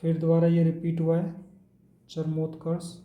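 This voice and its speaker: A man teaching an exam-prep lesson, going through words one by one in a steady drilling way. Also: a little high, normal speed, reverberant, narrow, tinny audio.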